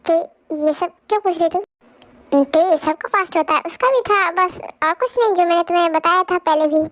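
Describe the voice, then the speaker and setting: A woman's voice: very high voice, fairly quick. A woman voicing a caring middle-aged mother-in-law who fusses anxiously, in a fan audio drama dub. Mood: fussing. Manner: fussing and anxious.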